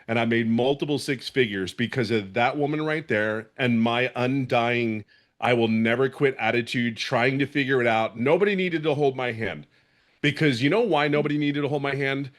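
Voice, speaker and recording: A middle-aged man from Philadelphia, speaking with a Philadelphia accent, gives a passionate, emphatic testimonial and often repeats himself. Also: medium pitch. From Philadelphia, USA. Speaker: program member giving a testimonial. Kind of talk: emotional testimonial on a video call.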